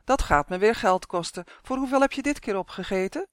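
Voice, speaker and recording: A reader voicing a caring mother in an audiobook, brisk and lightly teasing. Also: mid-range voice, lively intonation, no room sound, clean studio sound, close to an everyday voice.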